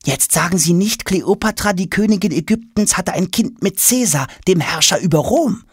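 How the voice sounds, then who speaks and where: A man's voice: sits high, lively intonation, normal speed, slightly rough, no room sound, studio quality, voice pushed up. A man voicing a curious, hasty schoolboy who asks question after question. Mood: surprised. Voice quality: eager, questioning. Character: curious, hasty schoolboy, polite but impatient.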